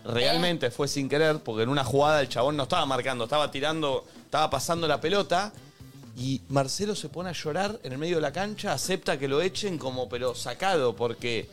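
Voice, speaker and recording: A young man with an Argentine accent, telling a story on a panel with animated insistence. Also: on the high side, a little fast, soft background music. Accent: Argentine Rioplatense. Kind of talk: casual chat.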